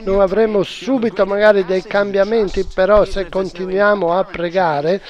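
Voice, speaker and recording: A man preaches a sermon in an earnest, emphatic way, speaking straight to his listeners. His voice sits notably high for a man. He keeps a steady, heartfelt tone. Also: moderate pace, highs cut off. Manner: earnest, emphatic, direct address.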